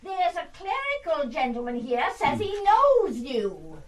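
An actress playing a dutiful housekeeper in a radio drama, with clipped, deferential replies. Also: female voice, high voice, wildly swooping pitch, unhurried, full character voice. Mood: brisk.

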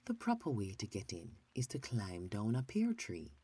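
A man voicing a bold, mischievous young male rabbit in a storybook reading, talking in a hushed, confiding way. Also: fairly low pitch, wildly swooping pitch, normal speed, breathy edge, full character voice. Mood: knowing.

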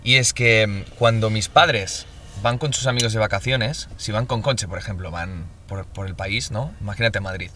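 A man talks casually in a bright, sharp voice. He tells his story in short bursts and tags on filler checks as he goes. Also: on the low side, moderate pace, a little hiss or hum. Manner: storytelling with many fillers like "¿vale?" and "¿sabes?". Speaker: podcast co-host. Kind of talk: casual chat.

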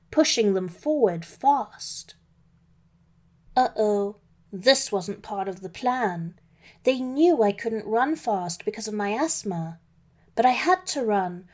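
A woman narrating a children's storybook in the first person, in a gentle, unhurried reading voice. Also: mid-range voice.

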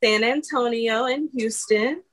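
A woman co-hosting a casual podcast chat, calmly listing places in a matter-of-fact way with some teasing. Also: fairly high pitch, a little slow, low-quality recording. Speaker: podcast co-host reading analytics.

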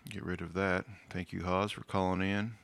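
A man's voice: low voice, little pitch movement, normal speed, a bit bright, clear, resonant tone. A man hosting a podcast, reading out listener calls in a loose, joking way and swearing freely. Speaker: podcast host. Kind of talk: casual podcast chat.

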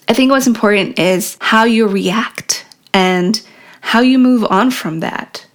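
An earnest woman hosting her own podcast, speaking straight to her listeners in a solo talk. Her pitch sits in the middle range for a woman, and her delivery is steady and encouraging. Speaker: podcast host.

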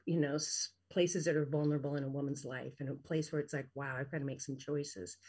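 A woman in her fifties, a guest who coaches women in transition, chatting casually and telling animated stories that act out the voices of the people in them. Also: very deep voice, fairly quick. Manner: animated storyteller, acts out quoted voices. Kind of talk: casual conversation.

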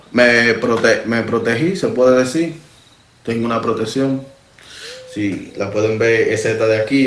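A man casually telling a first-person supernatural story, speaking directly to his listeners in an animated, conversational way. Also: mid-range voice. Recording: echoey room.

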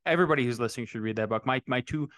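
A middle-aged man hosting a relaxed interview. He builds his questions slowly, backing up and restarting mid-thought before he lands on the point. His voice is mid-pitched and conversational. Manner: rambling, frequent restarts. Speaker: podcast host, real estate developer. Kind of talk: casual interview chat.

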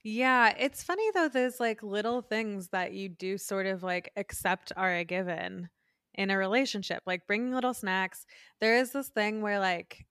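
A woman's voice: medium pitch, moderate pace, a bit bright, smooth, no room sound, clean studio sound. A woman co-hosting a comedy podcast, chatting casually and laughing easily. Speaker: podcast co-host. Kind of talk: casual chat.

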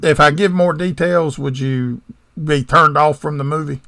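A man's voice: on the high side, fairly even intonation, normal speed, vocal fry, sharp tone, no room sound, studio quality. A man with a Southern American accent co-hosting a podcast, retelling a movie plot in casual chat with rambling digressions and sarcastic asides. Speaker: podcast co-host.

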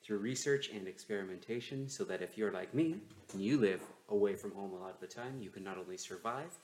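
A man's voice: fairly low pitch, fairly quick, darkish tone, a little hiss or hum. A man hosting a casual solo podcast, his enunciation slightly stiff from a sore, numb jaw. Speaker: podcast host. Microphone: newly bought microphone, not laptop mic. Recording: roomy, echoey home microphone recording.

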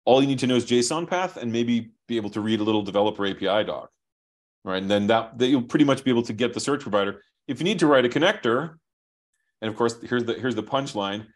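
A man on a video call walks through his software as he shares his screen. He talks briskly and thinks aloud, often restarting a phrase. His pitch sits at an ordinary middle height. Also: lively intonation. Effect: heard over a video call. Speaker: software company founder as guest. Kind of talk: explaining software while sharing screen.

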